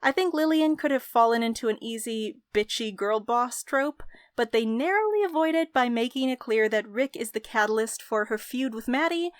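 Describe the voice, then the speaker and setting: A young woman narrating a scripted game review in an articulate, measured way. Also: a little high, no echo, clean studio sound. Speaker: video essayist, game reviewer.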